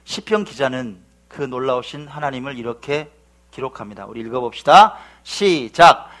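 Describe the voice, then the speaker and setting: A male pastor preaching a sermon, telling stories lively and asking then answering his own questions. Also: mid-range voice, brisk.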